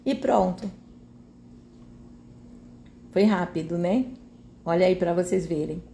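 Slow and fairly low-pitched, this Brazilian cooking host speaks with vocal fry and a dark tone over slight background noise. Her recipe voice-over is relaxed and homey, sprinkled with tag questions asking for agreement.

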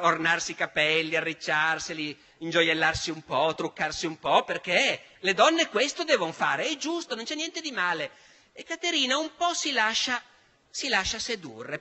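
An older historian from Italy tells a story to a hall, animated and emphatic. His voice sits high and rings sharp and bright. Long reverb from a large hall trails every phrase. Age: 60s. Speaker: historian lecturer. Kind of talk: public history lecture.

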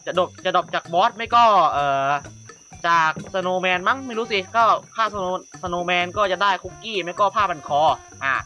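A man with a high, bright voice talks casually and loosely through a game, pointing out items and prices. He trails off and corrects himself often. Faint music plays behind him. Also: lively intonation, fairly quick, lo-fi sound. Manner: rambling, loose, with fillers and self-corrections. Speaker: gaming YouTuber. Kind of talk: casual game walkthrough commentary.

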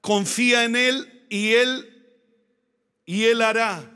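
High-voiced emphatic male pastor preaching. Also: fairly even intonation, slow, bright, forceful tone, clear, resonant tone. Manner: emphatic, repeats phrases for emphasis. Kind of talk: sermon.

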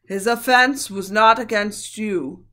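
A woman voicing a great lion king who speaks gravely, slowly and with calm command. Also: medium pitch, voice pushed up.

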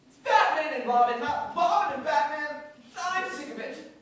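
A young man performing a petulant, excitable superhero sidekick in a comic stage duo, in a classroom. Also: very high-pitched, normal speed, voice pushed up. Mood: indignant. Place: classroom, before a seated audience. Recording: echoey classroom, far phone, faint noise.

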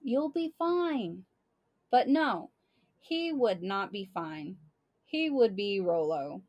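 A woman reading a children's book aloud to listeners in an expressive, deliberate way. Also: medium pitch. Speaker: storyteller.

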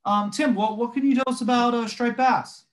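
A young man co-hosting a podcast over a video call, telling fishing stories in a relaxed way with many fillers. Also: very high-pitched, normal speed. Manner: relaxed storytelling with frequent fillers. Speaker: podcast co-host. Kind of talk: casual chat.

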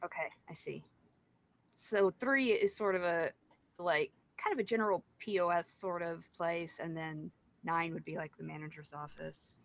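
A woman's voice: lowish voice, normal speed, creaky. A woman playing a tabletop role-playing game, casually and hesitantly thinking aloud about her character's actions.

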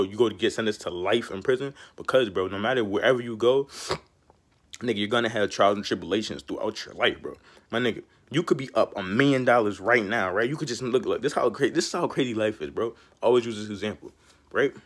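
A young man talking casually to camera, rambling and slangy, giving street-style life advice and constantly saying "bro". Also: lowish voice. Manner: slangy and rambling, peppered with "bro" and "you know what I'm saying". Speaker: vlogger.

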